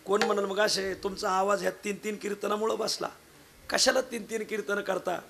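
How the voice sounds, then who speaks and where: A man giving a devotional kirtan sermon at a village gathering. He is hoarse after preaching three times the day before, and he talks in a folksy, joking way, turning to the audience as he goes. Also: high voice, flat delivery, a little fast, fairly bright tone. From Maharashtra. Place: village gathering with harmonium and mridang accompaniment.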